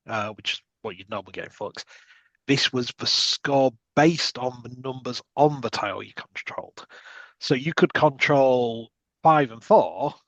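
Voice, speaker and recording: A man's voice: medium pitch, no room sound. A British man hosting a casual podcast chat, rambling with lots of ums while he explains game types. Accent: British English. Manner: relaxed, rambling with many ums. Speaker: podcast host. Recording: dull lo-fi mic.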